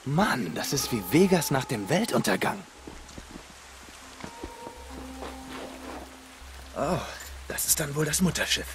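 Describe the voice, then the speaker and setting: A man's voice: fairly high pitch, very animated, moderate pace, gravelly, over music. An actor playing a cocky, rebellious young man in a video game, slangy and defiant. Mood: excited. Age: young adult. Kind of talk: German video game voice acting.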